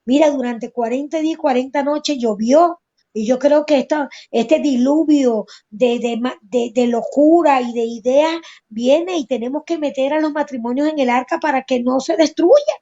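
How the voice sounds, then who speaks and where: A woman with a fairly high voice who speaks with urgency and asks one rhetorical question after another. The sound is dull and lo-fi. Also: normal speed, dark tone. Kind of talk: religious talk show discussion. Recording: dull lo-fi audio.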